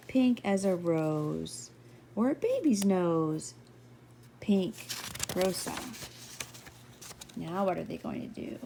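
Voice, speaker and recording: An older woman with a lowish, gravelly voice reads a children's picture book aloud, gently, playfully and expressively. She draws out key words and slips in asides and questions for her young listeners, with slight background noise.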